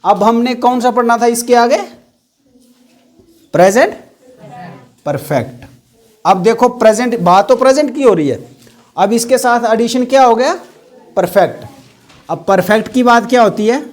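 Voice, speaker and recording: A man's voice: extremely high pitch, moderate pace, pauses often. A man teaching an English grammar class, asking the students questions and repeating the key words.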